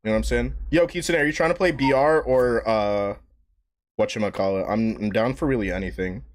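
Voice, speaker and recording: A brisk, medium-pitched man, twenty-eight and from New York, chats casually on a gaming live stream while somewhat tipsy. His talk rambles, heavy on slang and profanity, and "bro" comes up constantly.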